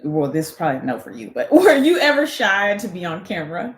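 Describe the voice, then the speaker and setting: A woman's voice: fairly low pitch, big pitch swings, fast, roomy sound, a little hiss or hum. A woman co-hosting a live chat, talking casually and laughing often while she tells stories. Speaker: co-host of a live chat show.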